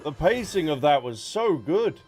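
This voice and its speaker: His voice sits on the high side, darkish and breathy, very animated yet measured in pace. He's a game streamer giving casual livestream commentary, addressing viewers directly as game music plays behind him.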